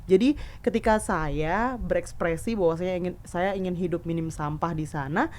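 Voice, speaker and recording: A woman in her thirties from eastern Indonesia, a podcast guest telling stories in a lively, casual way and mixing in English words. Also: lowish voice, moderate pace.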